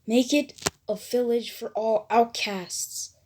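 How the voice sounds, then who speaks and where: A woman voicing a rude, bossy teenage boy who speaks as an inner voice, low and gruff in a fan story. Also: steady tone, slow pace, noisy background. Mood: commanding. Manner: gruff, insulting, commanding.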